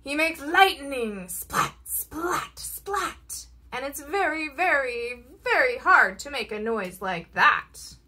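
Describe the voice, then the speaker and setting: A woman, a teacher, reading a picture book aloud to her class, playfully imitating animal and object sounds and dropping to a whisper for soft parts. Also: sits high, animated, unhurried, hardly any pauses. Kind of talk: read-aloud storytelling for children.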